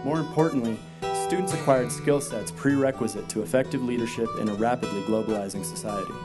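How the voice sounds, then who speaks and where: A man giving formal, measured scripted narration for a documentary. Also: medium pitch. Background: loud guitar music.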